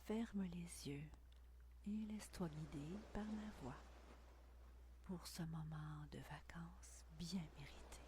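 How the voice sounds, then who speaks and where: A woman whispering a guided meditation intimately, right by the ear, in a breathy, soothing, unhurried voice with long pauses. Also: on the low side, background noise. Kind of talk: guided meditation, scripted narration.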